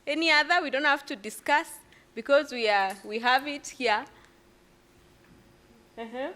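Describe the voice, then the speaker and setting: A woman's voice: high voice, unhurried, bright, forceful tone. A woman leading a workshop discussion, asking the room questions and laughing often. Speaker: workshop facilitator. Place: conference room.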